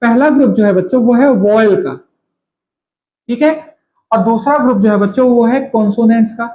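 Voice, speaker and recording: A man's voice: very high voice, moderate pace, a little mellow, a little hiss or hum. A man teaching a grammar lesson, calling his students kids, repeating each point and quizzing them. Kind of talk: classroom lecture. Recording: echoey room.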